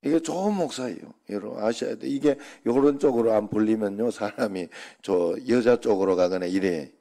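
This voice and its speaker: A man's voice: lowish voice, moderate pace, dark tone. A middle-aged male pastor telling rambling, joking stories to his congregation in an informal sermon. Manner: chatty, joking, rambling anecdotes.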